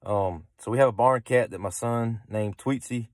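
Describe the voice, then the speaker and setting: A man's voice: medium pitch, normal speed, dry recording, clean studio sound. A man, casually explaining a story to his phone camera from a parked car at night. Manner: easygoing, rambling with restarts. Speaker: vlogger. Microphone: phone camera held close.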